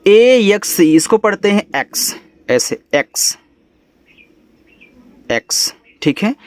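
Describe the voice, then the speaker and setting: A man with a high voice, big pitch swings, and a darkish tone teaches English at a slightly slow pace, with no echo in the recording. He patiently spells out each word letter by letter, explains its meaning, and reads a story word by word.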